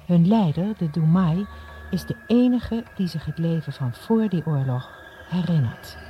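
An announcer introducing an audiobook with a slow, deliberate, scripted delivery. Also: mid-range voice, animated, soft background music. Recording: dull lo-fi with faint noise.

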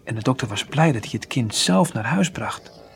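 A man calmly reading a children's story aloud, sometimes dropping to a near whisper. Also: mid-range voice, normal speed, vocal fry, slight background noise.

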